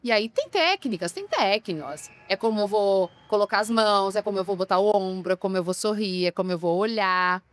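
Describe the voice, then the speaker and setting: A woman's voice: medium pitch, lively intonation, brisk, hardly any pauses. A woman who coaches people on public speaking, talking emphatically in an interview and often asking rhetorical questions. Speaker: communication coach. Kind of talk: podcast interview.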